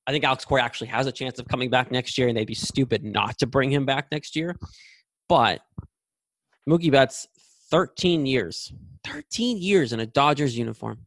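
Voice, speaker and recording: A man's voice: mid-range voice, lively intonation, normal speed, gravelly, fairly bright tone, no room sound, clean studio sound. A man in his twenties co-hosting a podcast, giving blunt, opinionated takes in casual chat. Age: 20s. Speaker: podcast co-host.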